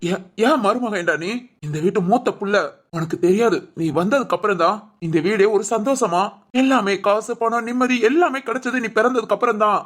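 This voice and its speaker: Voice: mid-range voice, a little fast, a bit bright, close to an everyday voice. A performer putting on a commanding family uncle. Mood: rousing. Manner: rousing, commanding, scolding. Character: older uncle, forceful head of the family. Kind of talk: animated family drama voice-over.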